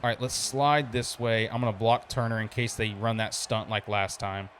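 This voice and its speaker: A man's voice: fairly low pitch, level tone, normal speed, fairly bright tone, slight background noise. A young man gives casual live-stream commentary on a college football game, laughing often and reacting to chat. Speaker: gaming streamer.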